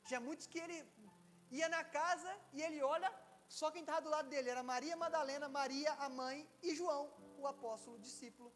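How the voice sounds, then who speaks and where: Man, preacher, high voice, dramatic delivery, long hall echo. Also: quick pace. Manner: dramatic, swings between soft and loud, acts out quoted voices. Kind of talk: sermon. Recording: reverberant hall with faint music.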